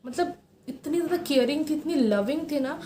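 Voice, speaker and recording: A young woman vlogging from home, telling a personal story in a soft, hesitant way with many fillers. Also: high-pitched, animated, moderate pace. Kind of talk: personal confessional vlog. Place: room at home. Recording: roomy echo, faint background hiss.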